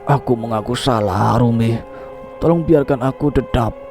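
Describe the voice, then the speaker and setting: A man's voice: mid-range voice, normal speed, natural voice. A man voicing a young man who is hurt and begs in a whimpering voice over music. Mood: pleading. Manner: whimpering, pleading. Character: young man Ivan, beaten and begging.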